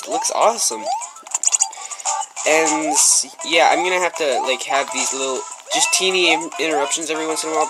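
A male gameplay commentator with a voice on the high side chats casually, excitable and rambling with lots of fillers. He sounds slightly stuffy with a runny nose, and the low-quality camera-mic recording carries loud game music in the background.

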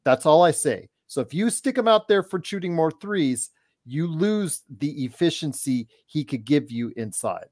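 A man's voice: fairly high pitch, expressive, normal speed, a little mellow, no room sound, clean studio sound. A man hosting a basketball podcast on a video call, direct and opinionated as he talks to his co-hosts. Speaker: podcast host. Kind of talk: casual sports talk. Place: home room on a video call.

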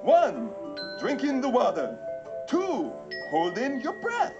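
A woman voicing an excitable, goofy young male buddy, a giggly, bossy know-it-all in a comedy sketch. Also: high voice, slow pace, exaggerated voice. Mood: instructive. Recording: slightly dull audio with music behind.

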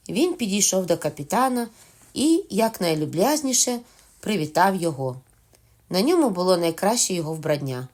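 A woman narrating a novel as an audiobook in a calm, measured reading. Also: on the low side.

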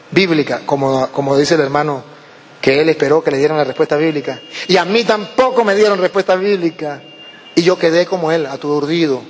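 High-voiced Venezuelan priest telling a story. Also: male voice, big-room sound. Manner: animated, acts out quoted voices. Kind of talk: storytelling testimony.

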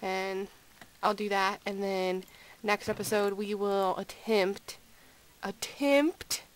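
A woman's voice: mid-range voice, monotone, slow pace, rough recording. A sleepy woman giving rambling, giggly, self-deprecating gameplay commentary at home late at night. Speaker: gaming video creator.

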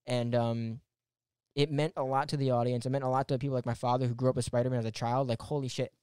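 Casual male podcast host, smooth clear voice, dry close mic, halting recap. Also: medium pitch, flat delivery, a little mellow, no room sound. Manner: halting storytelling with restarts. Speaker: podcast panelist and timekeeper. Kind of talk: casual movie podcast chat.

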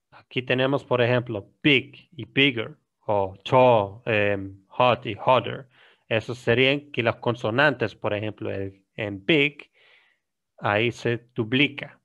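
A man with an Ecuadorian Spanish accent teaching an English grammar lesson, explaining in Spanish, reading examples slowly and often checking "¿sí?". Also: medium pitch, fairly bright tone. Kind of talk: recorded classroom lesson. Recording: dull lo-fi recording.

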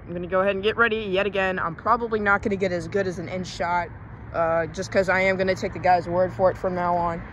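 A man's voice: high-pitched, little pitch movement, fast talker, a bit bright, muffled recording, slight background noise. A young man vlogging as a railfan beside the tracks, telling stories in a chatty, rambling way that keeps breaking off and restarting. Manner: chatty, rambling, self-interrupting. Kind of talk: casual storytelling to camera. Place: outdoors beside railroad tracks in town.

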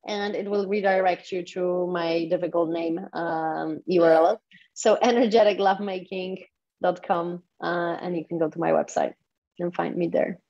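A woman's voice: medium pitch, darkish tone. A woman, a guest on a podcast, who talks enthusiastically and guides listeners step by step. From Poland. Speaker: guest, sexuality coach. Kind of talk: podcast interview. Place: home in Tulum. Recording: dull lo-fi audio.

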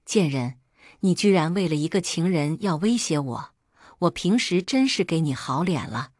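A woman doing a furious young husband in an audiobook drama, hurling insults in a low-set voice. He is jealous and violent, always on the attack, recorded dry and close. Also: expressive, moderate pace, no room sound. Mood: enraged. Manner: shouting insults.

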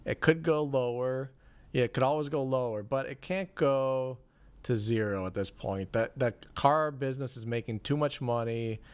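A man's voice: mid-range voice, normal speed, clear, resonant tone. A man hosting a casual podcast chat, rambling with lots of fillers and restarts. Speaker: podcast host.

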